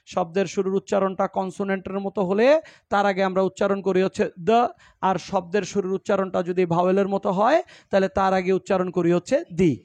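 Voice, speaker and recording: Teaching English grammar in Bengali sprinkled with English words and example sentences, this man from Bangladesh, who has a Bangladeshi accent, asks the class questions and repeats their answers. His high, darkish voice is fairly even and a little fast, with no echo.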